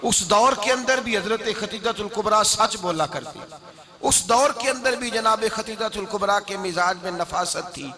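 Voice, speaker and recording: A man's voice: sits high, moderate pace, a crowd in the background. A man preaching a religious sermon with Arabic recitation, talking emphatically and climbing to raised oratorical peaks.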